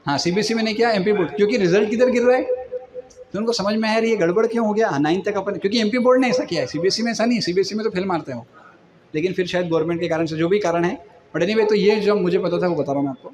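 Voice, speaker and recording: A man's voice: sits high, racing, crowd noise. A man giving a casual devotional talk, acting out the people he describes. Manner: conversational, acts out quoted people. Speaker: preacher. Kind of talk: Hindi devotional lecture.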